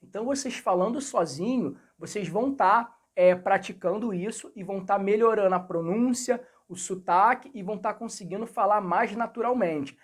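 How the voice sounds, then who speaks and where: A man's voice: high voice, moderate pace, few pauses. A man with a Rio de Janeiro accent giving a casual video lesson on learning English, chatty and speaking straight to viewers. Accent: Rio de Janeiro Portuguese. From Brazil. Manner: chatty, repeats phrases, addresses viewers directly. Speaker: English teacher.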